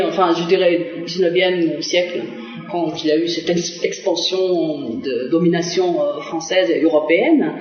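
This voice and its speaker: The voice, on the low side, belongs to a middle-aged woman from Korea responding to a TV interviewer as a diplomat. Her speech is hesitant, with frequent pauses, "euh" fillers, and restarted phrases, and the roomy, muffled sound resembles an old lo-fi broadcast.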